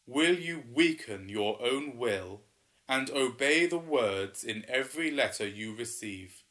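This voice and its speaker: A man voicing a booming solemn water spirit. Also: animated. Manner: loud, slow, stately pronouncements.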